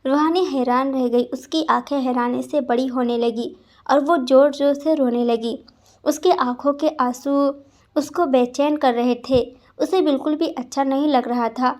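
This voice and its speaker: A woman narrating a story in a steady, scripted reading voice. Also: high voice, measured pace. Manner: reads all roles in one steady voice.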